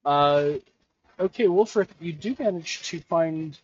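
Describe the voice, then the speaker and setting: A man running a tabletop game as game master, talking in a relaxed, conversational way with frequent restarts. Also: on the high side, measured pace, muffled recording. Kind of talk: narrating a tabletop game over voice chat.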